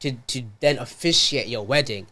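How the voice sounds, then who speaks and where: A man, a podcast co-host chatting casually and excitably, quick to laugh. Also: mid-range voice. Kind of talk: casual chat.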